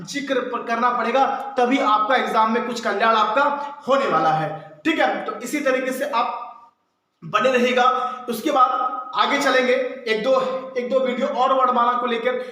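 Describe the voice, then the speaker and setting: A man's voice: very high voice, normal speed, sharp tone. A male teacher giving an exam-prep lesson, asking and answering his own questions and repeating the answers. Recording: very echoey room.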